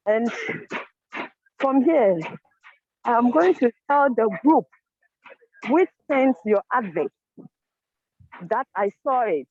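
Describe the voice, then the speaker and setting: A woman's voice: mid-range voice, no room sound, phone-quality sound. A woman attending a course, effusively thanking the instructor over a video call and blessing him, stumbling over her words. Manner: effusive, grateful, halting, prays blessings. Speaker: course participant.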